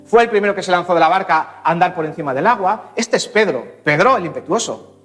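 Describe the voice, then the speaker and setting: A male pastor preaching a sermon in a church, animated and acting out scenes with shifts in voice. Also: high-pitched, fast, soft background music.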